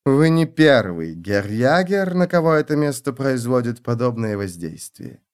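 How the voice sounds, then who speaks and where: Silky, unhurried vampire countess, read by a man, seductive and poised. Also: mid-range voice, very animated, a little mellow, clean tone.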